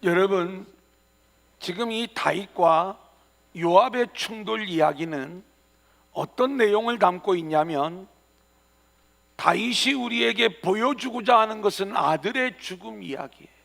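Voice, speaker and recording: A man's voice: high voice, animated, a little slow, gravelly, a bit bright. A male pastor preaching a sermon in a church, earnestly, with emphatic rising phrases. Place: church sanctuary. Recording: long reverb of a church hall.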